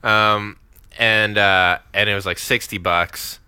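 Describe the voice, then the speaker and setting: A man co-hosting a podcast, telling stories in an excitable, casual way with some swearing. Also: fairly low pitch, measured pace, smooth, no room sound. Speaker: podcast co-host. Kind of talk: casual chat. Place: Canada.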